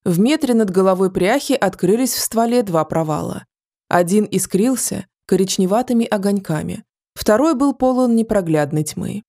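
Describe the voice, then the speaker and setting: A woman reading a fantasy audiobook in a measured, even storytelling manner. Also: medium pitch. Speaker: audiobook narrator. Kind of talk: scripted fantasy narration.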